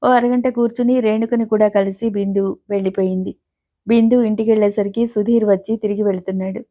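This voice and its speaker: A woman reads a serialized novel aloud as an audiobook. Her voice is mellow and warm, and her telling is calm and even. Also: medium pitch, a little fast. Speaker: storyteller.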